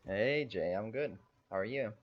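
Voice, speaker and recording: A young man from Bulgaria with a very low voice rambles hesitantly as a podcast co-host. His sound comes through slightly muffled and lo-fi. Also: lively intonation, a little slow. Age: young adult. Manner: hesitant, rambling, lots of fillers. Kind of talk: casual chat. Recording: dull lo-fi sound.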